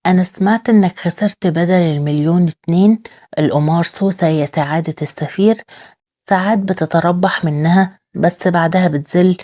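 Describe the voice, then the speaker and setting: A woman's voice: on the low side, a little fast, mellow, lightly acted. A woman reading a menacing gangster loan shark. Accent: Egyptian Arabic.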